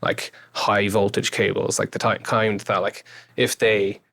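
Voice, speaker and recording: A man's voice: fairly low pitch, level tone, measured pace, vocal fry, fairly bright tone, no echo. A man in his thirties with a west of Ireland accent, chatting casually as an interview guest in an informal, rambling way that often corrects itself. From Galway, west of Ireland. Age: 30s. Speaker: interview guest, YouTube creator and engineer.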